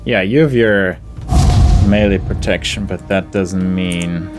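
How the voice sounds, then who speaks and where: A gaming video host gives casual game commentary in a low-pitched voice, taking it slowly. He mutters his tactics with dry exasperation, with game music behind him.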